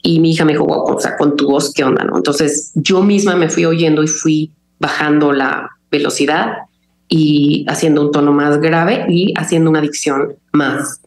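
A woman from Mexico City speaks in a notably low, calm register with deliberate, careful diction. Her voice rings a little in an echoey room. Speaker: chef and recipe video creator, guest. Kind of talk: conversational interview.

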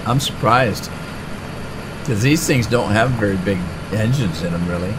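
A middle-aged man with a lowish voice hosts a farming game let's-play for his gaming channel, sounding animated and speaking a little slowly. His casual commentary rambles along with plenty of fillers and restarts. Game engine noise, including tractor and engine sounds, sits clearly behind his voice.

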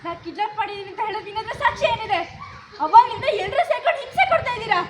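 Amateur drama: young woman as a cornered suspect, very high voice, protesting innocence, noisy street take. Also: expressive, rapid-fire. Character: young woman accused of kidnapping, pleading and defiant. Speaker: amateur actor.

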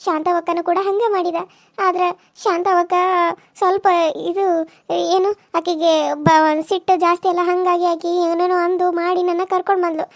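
A woman's voice: very high voice, level tone, normal speed. A woman voicing a wronged young village wife in a cartoon serial, with a North Karnataka Kannada accent, pleading and tearful.

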